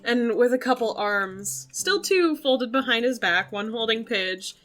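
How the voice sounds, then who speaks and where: A woman's voice: fairly high pitch, expressive, a little slow, fairly bright tone. A woman chatting casually and playfully as a player in a tabletop role-playing game. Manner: playful, informal.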